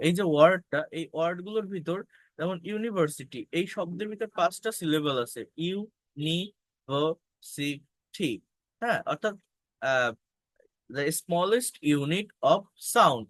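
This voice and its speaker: A man from Bangladesh gives an English pronunciation lesson, speaking right to his viewers and patiently going over key points more than once. His voice is high-pitched, with no room sound.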